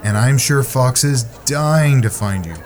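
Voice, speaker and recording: A man's voice: mid-range voice, measured pace, a faint crowd, natural voice. A man acting a kindly, teasing friend in an audio drama, informal and soothing. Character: teasing, easygoing male friend, protective and kindly.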